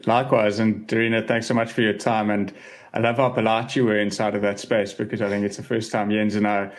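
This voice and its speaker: A man hosting a podcast, welcoming listeners and introducing the episode in a measured way. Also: fairly low pitch, flat delivery. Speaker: podcast host.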